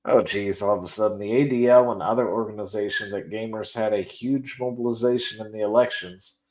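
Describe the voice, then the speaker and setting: A man's voice: fairly low pitch, fairly even intonation, brisk, noisy background. A tired man hosting a casual gaming news livestream, joking, laughing often and restarting his sentences. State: tired, yawning. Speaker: podcast host.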